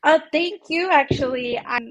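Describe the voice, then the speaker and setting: This high-pitched woman talks at a moderate pace over poor audio. In her twenties and from Southern California, she's a podcast guest in a casual interview, hesitating with lots of ums and likes and laughing softly and shyly.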